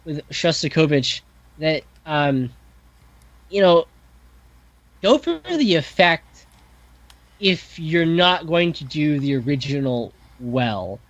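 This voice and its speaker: A man's voice: fairly high pitch, sing-song, slow pace, long pauses, fairly bright tone, no echo, highs cut off. A man talking casually and thoughtfully on a podcast, full of fillers, restarts and self-corrections. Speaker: podcast guest, composer. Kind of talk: casual discussion.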